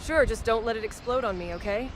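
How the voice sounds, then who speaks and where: A woman's voice: on the high side, fast talker, lightly acted. Woman playing a wry adventurer over noisy ambience. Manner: wry, exasperated. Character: practical, skeptical, dryly sarcastic female adventurer. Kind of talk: scripted fantasy comedy dialogue.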